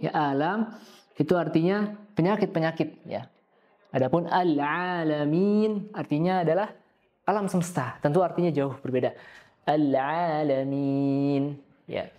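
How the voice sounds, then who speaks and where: A man teaching careful recitation, slowly drawing out each verse before explaining it briskly, tagging "ya" onto nearly every phrase and clearing his throat now and then. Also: fairly high pitch, lo-fi sound. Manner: adds "ya" as a tag after nearly every phrase. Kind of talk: tajwid lesson with slow demonstration recitation.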